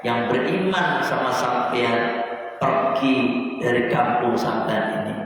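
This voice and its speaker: A man doing a calm, solemn angel messenger. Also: medium pitch, very echoey, in a large hall, distant mic, music in the background, lightly acted, poor audio. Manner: solemn, slow, reassuring.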